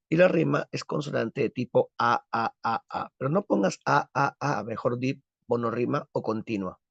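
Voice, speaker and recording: Gravelly, husky male literature teacher. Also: medium pitch, no room sound. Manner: drilling, asks the class and answers himself. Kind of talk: recorded class lesson. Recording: dull lo-fi, dry.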